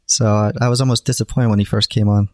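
A man's voice: lowish voice, steady tone, fast talker, mellow, no room sound. A man talking as a podcast guest, giving his thoughts hesitantly with frequent restarts. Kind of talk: casual conversation about a TV series. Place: lives in Japan.

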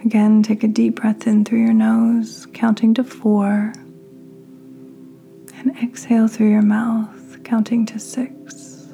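A woman hosting a podcast, leading a guided meditation in a soft, half-whispered, soothing voice. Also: fairly high pitch, little pitch movement, takes it slowly, vocal fry, faint music behind. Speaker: podcast host.

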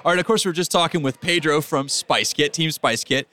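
Brisk, bright-voiced male interviewer. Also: fairly high pitch. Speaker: podcast host. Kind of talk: on-location interview. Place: outdoors at a pier event.

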